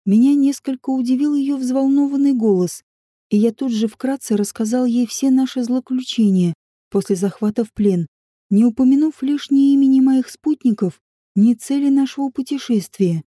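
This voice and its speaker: A woman narrating an adventure novel audiobook in an even, measured reading. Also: sits high, dry recording, clean studio sound.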